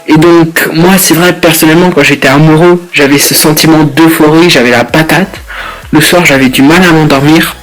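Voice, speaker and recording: Young French vlogger, casual crude humor, filler-heavy, a touch high-pitched. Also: male voice, a bit bright, poor audio. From France. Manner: laid-back, rambling, blunt slangy jokes with many fillers. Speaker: YouTuber reacting to statements.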